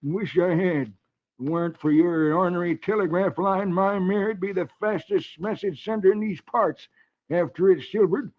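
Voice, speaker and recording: A man's voice: high voice, normal speed, pitched above the performer's own voice. A man playing a cranky old hermit prospector with a grumbling frontier drawl, on a vintage radio broadcast. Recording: dull lo-fi vintage radio recording.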